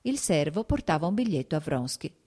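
Steady woman narrating a novel. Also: deep voice, brisk. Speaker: audiobook narrator. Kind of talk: scripted narration.

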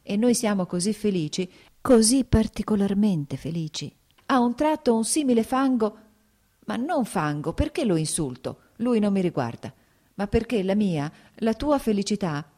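A woman's voice: mid-range voice, very animated, moderate pace, dark tone, voice pushed up. A woman voicing an agitated, jealous young husband in an audiobook, speaking in pleading, broken outbursts. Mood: anguished.

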